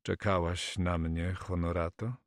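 A man voicing a proud, brooding pirate captain in an audiobook, speaking slowly and solemnly. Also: deep voice, little pitch movement, no echo, studio quality. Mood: guarded. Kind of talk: audiobook character reading.

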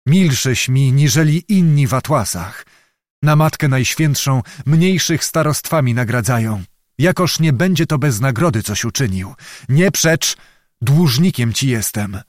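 A man's voice: mid-range voice, animated, unhurried, no room sound, studio quality, close to an everyday voice. A male narrator voicing an agitated, commanding king who speaks fervently and exclaims in a raised voice. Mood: moved.

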